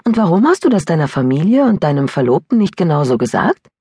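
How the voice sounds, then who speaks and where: Audiobook character: woman reading a curious young woman friend, prying and lively, husky and dry. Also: sits low, fast talker, no echo, full character voice. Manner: eager, prying questions.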